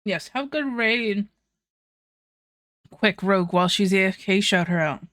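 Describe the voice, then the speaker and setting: A woman's voice: mid-range voice, moderate pace, fairly bright tone, no echo, studio quality. A young woman streaming, chatting casually with viewers while eating, laughing often and swearing freely.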